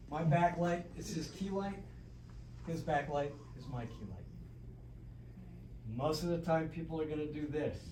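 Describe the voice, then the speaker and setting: A man teaching film lighting in a hands-on workshop, talking in a loose, chatty way with asides and restarts. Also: fairly high pitch. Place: studio classroom with a group. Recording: echoey room, distant, noisy ambience.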